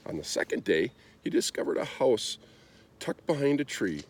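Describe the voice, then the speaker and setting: At a normal pace and medium pitch, a man acting as a storybook reader reads a children's story aloud with expressive storytelling.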